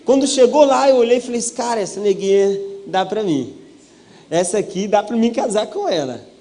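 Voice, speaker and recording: Young man from Brazil, pastor, high voice, joking testimony sermon, animated storytelling. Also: brisk. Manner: storytelling with jokes and acted-out quotes.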